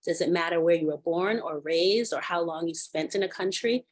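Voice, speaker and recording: A woman's voice: fairly low pitch, normal speed. A woman hosting an interview, asking curious, probing questions. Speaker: host.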